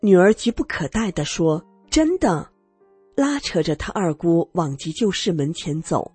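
A woman narrating a first-person story on a radio program, earnest and expressive. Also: on the low side, moderate pace, husky, dry recording, faint music behind.

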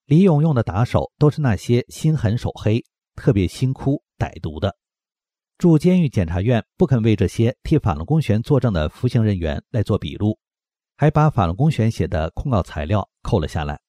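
Low, mellow-voiced man reading news. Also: brisk, no echo. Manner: steady read-aloud delivery. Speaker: news reader. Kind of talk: scripted news narration.

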